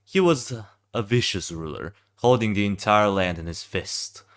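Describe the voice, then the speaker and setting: Still groggy from waking up, a young game fan reviewing a hero design reads a fan-written backstory out loud, frequently tripping over words and restarting. He speaks a little slowly, at a fairly low pitch.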